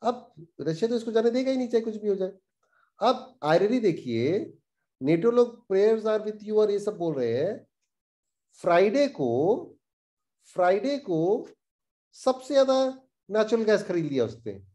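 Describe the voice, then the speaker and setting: A man hosting a casual explainer on current affairs, talking in an animated, indignant way and dropping English phrases into his talk. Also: high voice, unhurried.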